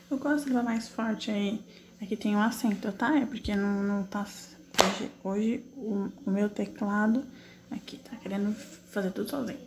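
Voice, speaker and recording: Woman teacher, gravelly voice, patient step-by-step explaining, faint background noise. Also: medium pitch, a little mellow. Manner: patient, step-by-step, asks and answers her own questions; slow, drawn-out syllable spelling while typing. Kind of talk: online class correcting exercises.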